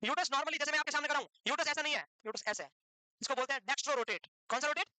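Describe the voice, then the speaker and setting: A man's voice: extremely high pitch, very fast, bright, forceful tone, no echo. A man lecturing a nursing class live, teasing students and firing questions at them.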